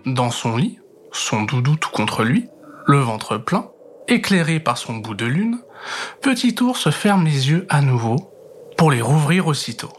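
A man reading a children's bedtime story aloud, expressive and gentle, dropping to soft whispers for suspense. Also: medium pitch, a little hiss or hum.

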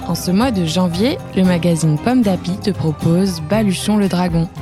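A woman reading a children's story aloud as storyteller, clear and unhurried. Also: fairly low pitch, music in the background.

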